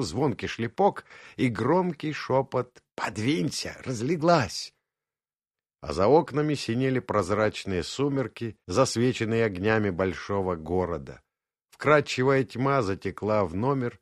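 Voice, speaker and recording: A man reading an audiobook in first-person narration, expressive and lightly ironic, on a close studio mic. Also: lowish voice, no echo.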